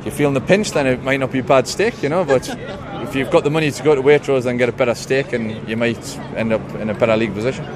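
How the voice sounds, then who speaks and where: A man's voice: medium pitch, quick pace. A man giving a blunt, wry football opinion with colourful comparisons. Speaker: football fan interviewee. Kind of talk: casual opinion. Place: outdoors on a busy street. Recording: crowd chatter behind.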